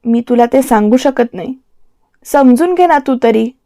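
A woman voicing an evasive, tearful young wife in a storybook reading, pleading softly. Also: high-pitched, animated, a little slow, no room sound, studio quality.

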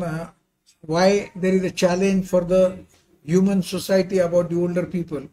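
High-pitched older man lecturing, non-native English. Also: mellow, rough recording. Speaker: visiting pharmacy professor and associate dean. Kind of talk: lecture with slides. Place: indoors, on a video call.

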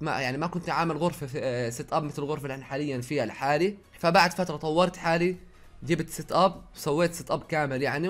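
A young Jordanian man rattles along at a very fast pace in a slightly raised voice, slipping some Saudi words into his dialect. He talks casually to his viewers from his own room, reading their questions aloud and answering them one after another. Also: a little high. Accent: Jordanian Arabic with some Saudi words. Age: young adult. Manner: rapid, chatty, reads viewer questions aloud then answers. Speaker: YouTuber.

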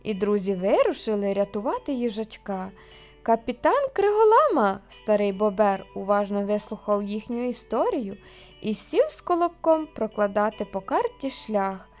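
A woman reading a children's audio storybook aloud in a lively, expressive way. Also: medium pitch, normal speed, faint music behind.

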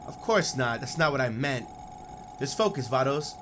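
A man's voice: mid-range voice, lively intonation, moderate pace, background noise, pitched below the performer's own voice, close to an everyday voice. A man reading the lines of a cool, scheming female guild leader in a plain, dismissive tone. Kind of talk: reading game dialogue aloud.

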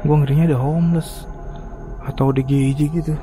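Exploring an abandoned resort at night, both outdoors and through empty halls, an urban explorer vlogger gives casual, uneasy commentary and mutters spooked exclamations. His fairly high voice is warm and brisk with little pitch movement, over soft background music.

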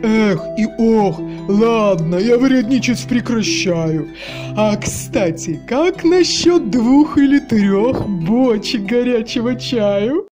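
A woman voicing a hungry, grumbling male giant in a children's storybook reading, booming and growling. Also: expressive, takes it slowly, music in the background. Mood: softened. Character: hungry grumbling male giant, fierce but secretly kind.

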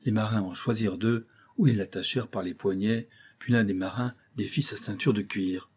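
A man narrating a literary audiobook in a measured, dramatic way. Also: on the low side, fairly even intonation, darkish tone, slightly rough. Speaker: audiobook reader.

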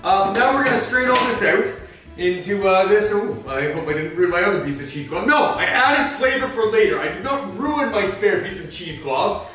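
Voicing Batman, the gruff and brooding superhero, a man explains recipe steps as the flustered host of a comedic home-kitchen cooking show, rambling and flaring into angry outbursts. His voice sits high and is animated, at a moderate pace. The sound is very echoey, with a far-off mic and faint music.

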